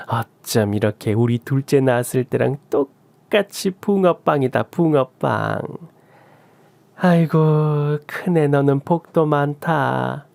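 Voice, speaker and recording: A man voicing a pushy older mother-in-law who scolds and gloats in a high, drawn-out voice. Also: creaky, a little mellow, dry recording, full character voice. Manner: shrill, scolding, drawn-out wails.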